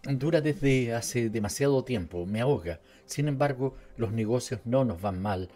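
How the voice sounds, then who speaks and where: A man's voice: medium pitch, lively intonation, normal speed, mellow, natural voice. A man with a Latin American Spanish accent voicing a troubled, plump middle-aged butcher who talks in an anxious, plaintive way. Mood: worried.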